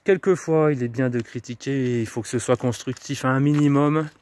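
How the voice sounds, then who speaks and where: Walking outdoors, a Frenchman who works as a YouTuber and personal development coach chats to camera in a medium-pitched, darkish voice with fairly even intonation and a moderate pace. He rambles in an upbeat, chatty way, self-promoting and laughing at himself. Faint street noise and jangling keys can be heard.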